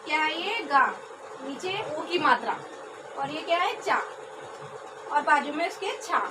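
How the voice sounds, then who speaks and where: A young woman teaching a class, with a high voice and an unhurried pace. She repeats each word carefully and asks questions she then answers herself. The recording is distant, with clear background noise. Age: young adult. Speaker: trainee teacher. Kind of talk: classroom lesson.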